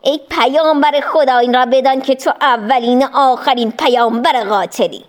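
A woman's voice: high voice, voice pushed up, lightly acted. A woman voicing a scheming, mocking male devil in a storybook reading, drawn out and taunting. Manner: taunting, drawn-out, with sneering laughs.

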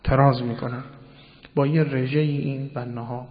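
A man's voice: mid-range voice, little pitch movement. A man giving a religious lecture, explaining word meanings patiently and addressing his listeners politely, often repeating key terms. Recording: dull sound with long hall reverb.

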